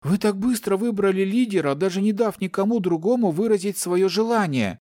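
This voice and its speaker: A man's voice: sits high, animated, brisk, dark tone, no echo, studio quality, voice pushed up. A man voicing a small, outspoken young gnome girl who protests and objects in an audiobook. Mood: indignant. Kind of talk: audiobook character voice.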